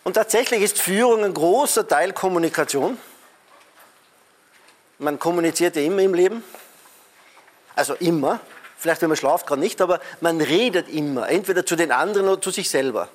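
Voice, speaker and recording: High-voiced man giving a talk. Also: brisk, pauses often. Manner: lively, emphatic, talks to the audience with frequent "ja?". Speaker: speaker on leadership. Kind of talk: live talk to an audience.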